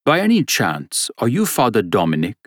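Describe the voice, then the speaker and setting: A man's voice: medium pitch, huge pitch swings, normal speed, no echo, studio quality, voice pushed up. A man reading the part of a troubled German man in his early thirties, with a German accent and a formal, apologetic way of speaking. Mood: earnest.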